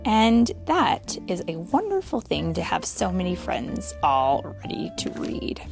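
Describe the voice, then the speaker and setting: Slow, lively mom reading a picture book. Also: female voice, lowish voice, creaky, music in the background. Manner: animated storytelling with whispered asides and questions to the listener. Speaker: mother reading to her kids.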